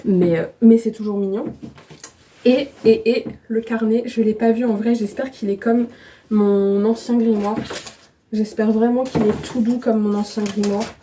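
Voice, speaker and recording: A woman chatting casually as she unboxes items at home on her bed, gushing and excitable, with plenty of fillers. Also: on the high side, a little slow, slight background noise. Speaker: vlogger.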